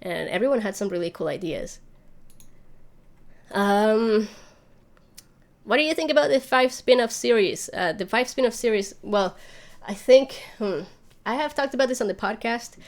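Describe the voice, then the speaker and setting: A YouTube channel host chats casually on a livestream, rambling and thinking aloud as she answers viewer questions. Her voice is on the high side and her pace moderate.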